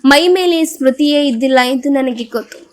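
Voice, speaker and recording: A woman narrating a novel as an audiobook in a measured, solemn reading. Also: sits high. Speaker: audiobook reader. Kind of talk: scripted narration.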